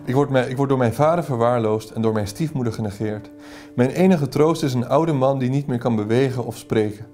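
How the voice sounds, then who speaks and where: A melancholy young woman in love, voiced by a man reading from a novel. Her anxious lines are read at a slightly lifted pitch in a dark, mellow tone. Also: brisk, faint music behind, natural voice.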